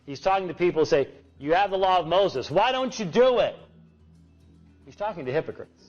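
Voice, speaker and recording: A man preaching an expository sermon in an emphatic, deliberate way, stressing key phrases. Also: high-pitched, animated, darkish tone. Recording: dull lo-fi audio with music underneath. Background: background music.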